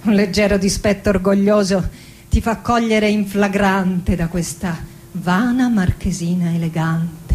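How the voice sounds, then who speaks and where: An actress delivers a theatrical poetic monologue as a proud, passionate, defiant Argentine woman poet, declaiming dramatically and lingering on words. Her slightly high, slightly mellow voice plays over live accordion and guitar accompaniment, with a little hiss or hum.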